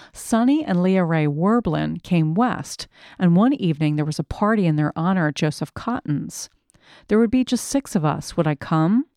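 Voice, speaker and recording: A woman reading a first-person memoir aloud in a measured, reflective storytelling manner. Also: lowish voice, a little mellow, no echo, studio quality. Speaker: narrator.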